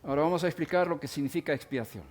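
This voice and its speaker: A middle-aged man teaching a sermon-style Bible lesson, speaking deliberately and pausing to define and repeat key words. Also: fairly high pitch, a little mellow, slight background noise.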